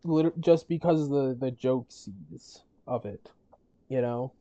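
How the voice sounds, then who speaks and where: A streamer chatting casually on a gaming stream, rambling with halting restarts and frequent laughs, their voice worn from talking all day. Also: mid-range voice, expressive, warm tone, highs cut off. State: losing their voice.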